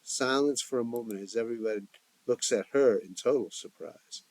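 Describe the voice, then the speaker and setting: A man's voice: mid-range voice, moderate pace, darkish tone, no echo. A man narrating the stage directions of a family audio drama in a plain reading voice.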